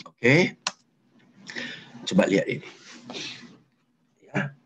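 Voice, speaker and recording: A man teaching leadership in a webinar lecture, lively and checking in with his listeners often. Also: very slow, a little hiss or hum. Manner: acts out quarrels in sudden high voices. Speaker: leadership trainer.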